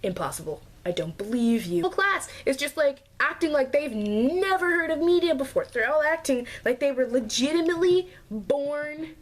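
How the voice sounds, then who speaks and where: A young woman vlogger with a high, expressive voice rants through a storytime about her classes at a moderate pace, barely pausing. She sounds exasperated and sarcastic, mocking her classmates in put-on voices.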